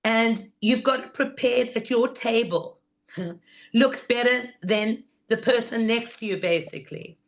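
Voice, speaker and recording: A woman with laryngitis, her voice hoarse and rusty as if unused, gives an informal, enthusiastic and instructive workshop. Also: on the high side, unhurried. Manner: enthusiastic, instructive, repeats 'in other words'. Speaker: guest teacher of market selling.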